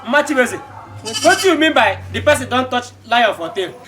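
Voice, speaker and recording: An actor playing an anxious, questioning tenant in a Nigerian comedy film, speaking Nigerian Pidgin. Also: male voice, very high voice, lively intonation, a little fast. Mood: worried. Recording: loud music behind the voice.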